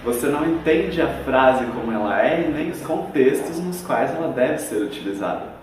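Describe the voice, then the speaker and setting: A man's voice: mid-range voice, expressive, normal speed, a little mellow. A Brazilian man teaches a video lesson, patiently laying out examples one at a time. His voice rings in a very roomy space, picked up from well back from the microphone, with a faint hiss underneath. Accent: Brazilian Portuguese. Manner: didactic, spells out examples step by step. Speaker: English teacher. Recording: very echoey room, far from the mic.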